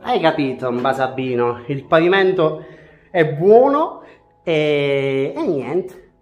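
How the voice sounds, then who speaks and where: A man's voice: fairly high pitch, lively intonation, slow pace, darkish tone, dull audio, soft background music. A man, chatting enthusiastically to viewers in a casual countryside vlog, filmed outdoors and indoors on an action camera. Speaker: vlogger farming in the countryside. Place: outdoors on a farm plot and in a small rural room. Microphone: wide-angle action camera held or worn.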